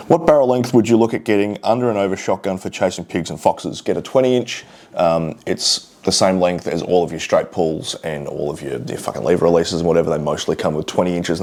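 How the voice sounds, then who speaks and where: A man with an Australian accent and a low voice, talking casually to the camera. He is blunt and sardonic and swears freely while he mocks comments and gives hunting advice. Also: darkish tone. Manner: blunt, sardonic and heavily profane. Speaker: host of a hunting and shooting channel. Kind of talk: casual vlog, reading comments and answering questions.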